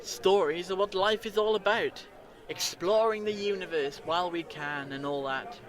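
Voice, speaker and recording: The Doctor, a man playing a high-voiced eccentric time traveller. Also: moderate pace, a crowd in the background, close to an everyday voice. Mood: cheerful farewell. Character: eccentric time-travelling alien adventurer, breezy and curious. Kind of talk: fan audio drama acting. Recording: noisy home recording.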